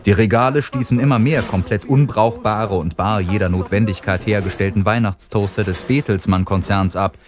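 A man narrating an audiobook in an expressive, dramatic way. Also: on the low side, moderate pace, few pauses.

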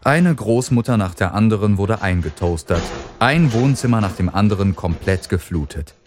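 A man narrating an audiobook in an expressive, dramatic way. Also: fairly low pitch, normal speed, background noise.

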